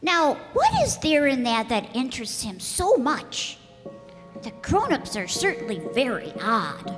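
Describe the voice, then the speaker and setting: A woman's voice: a little high, sing-song, measured pace, over music. A woman playing a curious, innocent little boy prince in a radio play, earnest, candid and wide-eyed. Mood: bemused. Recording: echoey hall, long reverb.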